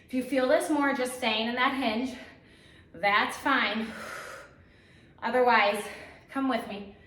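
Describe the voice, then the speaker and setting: Exercising while she coaches, a female fitness instructor calls out short, encouraging imperatives and countdowns at a slow pace. Her voice is on the high side, and the distant mic picks her up in a heavily reverberant room.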